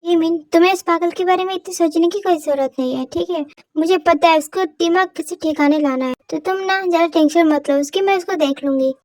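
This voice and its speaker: A woman with an extremely high but darkish-toned voice, speaking a little fast, performs a doting, fussy mother-in-law in a fan-fiction audio story. Her tone is coaxing as she gently urges a shy girl along, captured in clean studio sound without echo.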